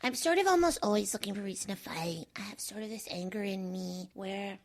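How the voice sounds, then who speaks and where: A woman playing a chipper, breathy, zealous femininity coach in an improvised comedy sketch. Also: mid-range voice, expressive, brisk, lightly acted. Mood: perky.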